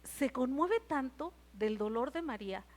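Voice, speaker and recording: At a church service, a woman with a Mexican Spanish accent gives a Sunday sermon in a high, expressive voice at a slightly slow pace. Her preaching retells scripture, and she frequently questions the congregation.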